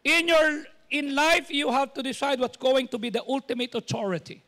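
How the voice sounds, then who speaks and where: A man's voice: very high-pitched, moderate pace, fairly bright tone. A man with a Filipino accent preaching a sermon as pastor, mixing Tagalog and English and asking teasing rhetorical questions.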